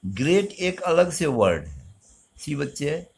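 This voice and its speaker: A male teacher with an Indian English accent, explaining grammar slowly and answering his own questions. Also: on the high side, very animated, creaky, breathy edge. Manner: slow, explanatory, asks questions and answers them himself. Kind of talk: recorded grammar lesson.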